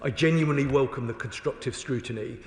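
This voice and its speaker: A man speaking as a government minister in a formal parliamentary debate, with a combative, emphatic and deliberate rhetorical delivery. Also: medium pitch, gravelly, a little hiss or hum. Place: large indoor parliamentary chamber. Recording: echoey, reverberant large chamber.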